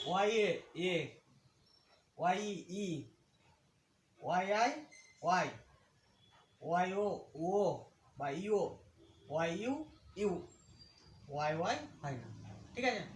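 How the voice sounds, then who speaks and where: A man teaching a phonics lesson, reciting letter sounds one by one in a drilled, sing-song rhythm. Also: high-pitched. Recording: echoey room with faint background noise.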